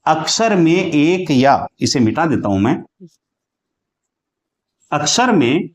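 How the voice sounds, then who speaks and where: A male teacher gives a classroom lecture, explaining step by step and drawing out sounds to show how they work. His voice sits slightly high and his pace is very slow. The room around him rings with echo. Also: very animated. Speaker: Hindi grammar teacher. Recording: echoey room.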